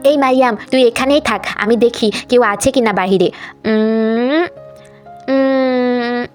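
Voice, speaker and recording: A woman's voice: fairly high pitch, fairly even intonation, unhurried, faint music behind, lightly acted. Woman doing a fretful little girl. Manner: fretful muttering to herself. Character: anxious little girl hiding from mother.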